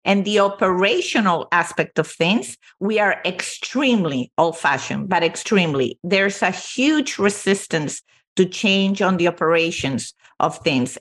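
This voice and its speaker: A woman's voice: fairly low pitch, a bit bright. A woman from Venezuela, a company CEO, telling her career story with earnest emphasis as a podcast guest. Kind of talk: podcast interview.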